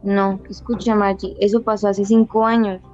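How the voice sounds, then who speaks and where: A woman's voice: mid-range voice, normal speed, lo-fi sound, soft background music, close to an everyday voice. A woman voicing a tired, evasive husband of fifty-six who dodges his wife's questions. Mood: weary. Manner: tired, flat, dodging answers. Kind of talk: audiobook dialogue reading.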